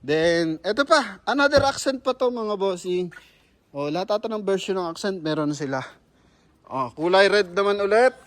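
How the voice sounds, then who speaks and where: A man with a Filipino accent giving a casual walkaround sales pitch on a car lot, chatting to viewers and calling them "boss". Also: animated, moderate pace, fairly bright tone. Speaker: used car sales presenter.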